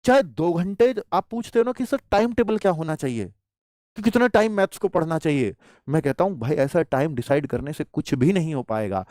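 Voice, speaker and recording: Coaching teacher guy, high voice that jumps all over, dry close sound. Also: no room sound. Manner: animated, addresses students as "bachhon" and "bhai". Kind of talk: motivational exam advice talk.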